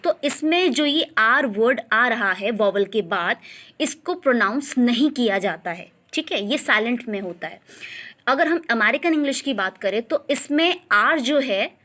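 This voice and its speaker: A young woman teaching a grammar lesson, reading English lines out slowly and deliberately, then explaining them patiently with frequent check-ins. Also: on the high side, pushed and bright.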